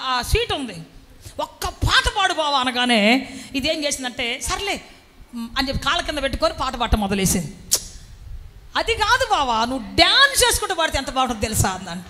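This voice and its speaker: A woman delivers a lively sermon in a high, ringing voice. She acts out little stories and bursts into shouted exclamations. A long reverb trails her words. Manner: animated, breaks into shouted exclamations. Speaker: preacher.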